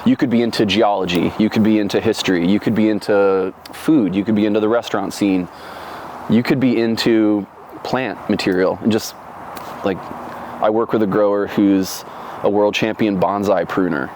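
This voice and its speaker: A man in his thirties from Florida tells his life story in an oral history interview, reflective and rambling, with many fillers and restarts. His voice is fairly low and darkish, with a steady tone and normal speed, over slight background noise.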